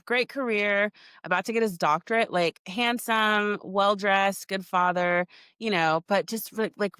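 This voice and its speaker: A woman in her forties hosts a podcast, launching into a casual storytelling monologue that's chatty, profane, and full of laughter. Her voice is medium-pitched and a little bright, captured in a dry, clean studio recording.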